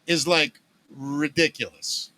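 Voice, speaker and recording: Male podcast co-host, bright and a touch high, eager and effusive. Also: fairly even intonation, slow pace. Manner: enthusiastic, effusive. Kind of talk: casual podcast chat.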